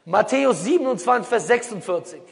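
A male preacher with a rather high voice addresses a crowd from a stage. He argues point by point and keeps firing questions at his listeners. A long reverb trails behind each phrase. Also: expressive, a little fast, creaky. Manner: rhetorical, keeps asking questions. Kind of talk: public religious talk to a crowd.

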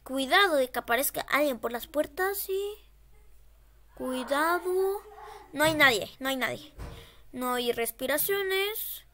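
A scared woman streamer commentating casually on a horror game. Her voice is high and bright, and she takes her time. She nervously repeats short phrases as she plays. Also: lively intonation, slow, a little hiss or hum.

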